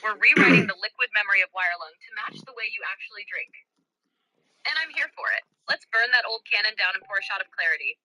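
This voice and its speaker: Very bright, husky, sassy woman's voice. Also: medium pitch, lively intonation, fast, low-quality recording. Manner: sassy, profane, dramatic. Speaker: AI chatbot companion. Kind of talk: theatrical, scripted chatbot reply.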